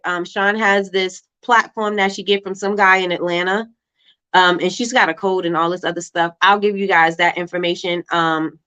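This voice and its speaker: A woman with a Brooklyn accent chats informally on a livestream, at a medium pitch. She reads and answers comments in a loose, slangy way. The audio is slightly dull and lo-fi. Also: sharp tone. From Brooklyn, New York. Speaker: livestream host. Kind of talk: casual livestream chat, reading and answering viewer comments.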